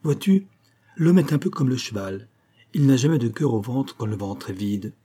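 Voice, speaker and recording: A man reading an audiobook, voicing a blustering, hearty army captain who talks loudly and swears. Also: medium pitch, animated, normal speed, breathy edge. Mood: jovial. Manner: loud, swearing, impatient.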